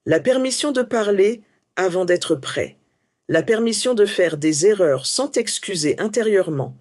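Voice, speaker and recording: Coaching French teacher, lively rising and falling delivery, dry close sound, scripted lesson. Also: mid-range voice, unhurried, no echo. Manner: coaching, full of rhetorical questions.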